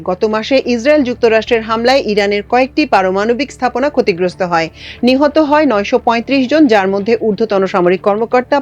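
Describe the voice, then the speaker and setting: A woman presenting international news, reading a script in a measured, formal way. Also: a little high, muffled recording. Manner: measured formal newsreader delivery.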